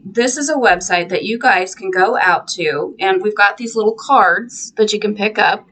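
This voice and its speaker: A Midwestern American woman co-hosting a casual live stream from a quilt shop. She rambles a little, dotting her talk with ums. Her pitch sits in an ordinary middle range. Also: a bit bright. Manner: chatty, rambling with many fillers.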